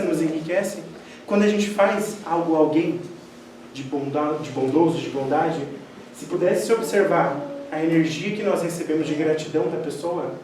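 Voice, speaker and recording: High-voiced man lecturing in echoey hall. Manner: animated storyteller who acts out quoted dialogue. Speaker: spiritist lecturer. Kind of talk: spiritist lecture with personal stories. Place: lecture hall of a spiritist center. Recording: very echoey hall, distant mic, faint noise.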